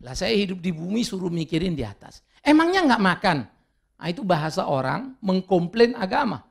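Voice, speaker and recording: A male pastor preaching a sermon in an animated way. He slips English words into his talk and acts out the people he quotes. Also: high voice, fairly quick, gravelly.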